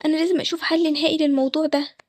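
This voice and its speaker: Runaway young bride, voiced by a woman, Egyptian, high and rushed. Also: fairly even intonation, a little mellow, dry recording, close to an everyday voice. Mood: pleading. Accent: Egyptian Arabic. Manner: fast and pleading.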